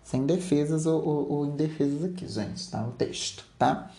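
A man's voice: on the high side, normal speed, reverberant, background noise. A man reading a book aloud and chatting about it with his audience. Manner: chatty, addresses viewers as "gente".

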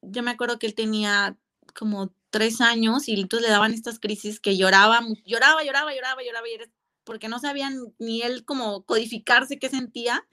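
A woman speaks as a guest, her voice sitting a little high. She talks candidly and reflectively, often restarting her sentences. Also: flat delivery, normal speed, sharp tone. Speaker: guest mother. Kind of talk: casual conversational interview.

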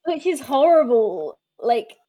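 A woman in her twenties hosts a podcast in a casual chat, her high-pitched, mellow voice very animated though her pace is slow. She's chatty, laughs often, and trails off into fillers.

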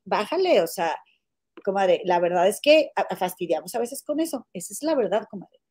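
A woman's voice: mid-range voice, very animated, moderate pace, darkish tone, husky. A woman giving her opinions in a casual gossip chat, repeatedly calling her friend comadre.

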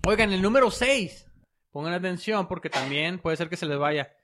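Mexican male podcast co-host, higher voice, slangy and crude, list-reader. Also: expressive, normal speed, a bit bright, slight background noise. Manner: crude joking banter, reading out a numbered list. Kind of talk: casual podcast chat.

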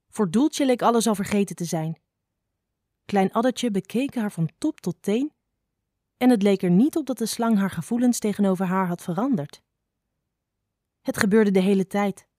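A woman narrating a children's fable in a calm, even reading voice. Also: mid-range voice, no echo, studio quality. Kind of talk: scripted storybook narration.

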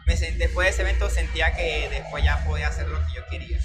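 A man's voice: fairly high pitch, quick pace, rough recording. Earnest Venezuelan man, music behind. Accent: Venezuelan Spanish. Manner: earnest, animated storytelling with restarts. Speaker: breakdancer guest. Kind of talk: casual interview. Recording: loud music underneath.

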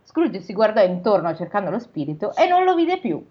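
A woman host reads a classic novel aloud in a steady voice at a middle pitch, slipping into casual, joking asides. The recording is dull and lo-fi. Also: a little fast. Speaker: podcast host and reader. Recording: dull lo-fi sound.

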